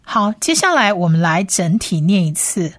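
A woman teaching a language lesson on air, patiently spelling out sounds and repeating each word slowly. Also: fairly low pitch, sing-song, no echo, clean studio sound.

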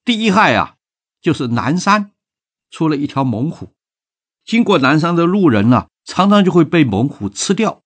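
A timid old villager, frightened and pleading, voiced by a man telling a folk tale. His voice climbs above the teller's own, with lively swings in pitch. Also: normal speed. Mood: grave. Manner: lively storyteller's voice for a fearful elder.

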